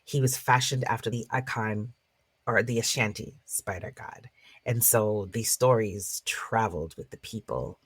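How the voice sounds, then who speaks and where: Expressive woman telling trickster tales, dry sound. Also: extremely low pitch, slightly rough, no echo. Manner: dramatic pauses, drawn-out emphatic words, swings in volume. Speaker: guest storyteller of Caribbean folklore. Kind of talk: expressive trickster tale storytelling and explanation.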